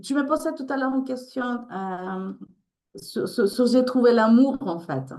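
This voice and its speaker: A woman's voice: on the high side, expressive, a little slow, darkish tone. A woman with a Spanish accent, a resilience coach speaking earnestly in an interview, often restarting as she searches for words. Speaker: guest, resilience coach and therapist. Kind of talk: emotional interview talk.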